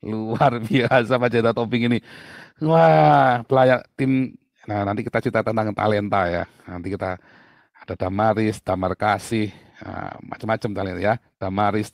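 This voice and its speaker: A male pastor giving an informal sermon in an animated way, swinging from loud emphasis to quiet asides. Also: mid-range voice, no room sound.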